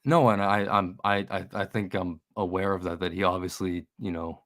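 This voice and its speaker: A man's voice: deep voice, steady tone, moderate pace, a bit bright, dry recording, clean studio sound. A man in casual podcast talk, rambling and swearing, often restarting his sentences. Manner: rambling, profane, with many restarts. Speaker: guest streamer.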